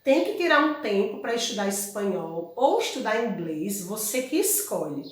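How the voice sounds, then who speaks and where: A woman's voice: medium pitch, big pitch swings, normal speed. Woman teacher, echoey room. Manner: explanatory, checks in with tags like "ok?" and "tá?". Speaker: Spanish teacher. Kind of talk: online class lecture. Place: room at home.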